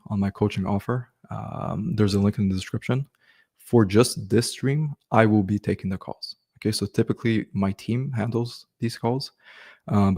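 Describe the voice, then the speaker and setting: Here a husky, deep-voiced, warm man whose first language is French runs a live-stream Q&A about building an online business. His casual advice comes with frequent restarts and repeated "okay" and "bro."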